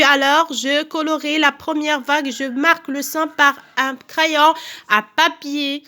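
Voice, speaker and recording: A woman teacher giving a recorded phonics lesson to children, slowly repeating each word and breaking it into syllables. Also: sits high, pushed and bright. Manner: slow, careful, repeats words and claps out syllables. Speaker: primary school teacher.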